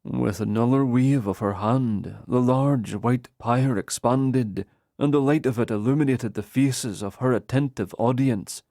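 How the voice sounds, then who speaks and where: Male audiobook narrator, slow steady storytelling, dry close sound. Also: medium pitch, dry recording. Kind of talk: first-person audiobook narration.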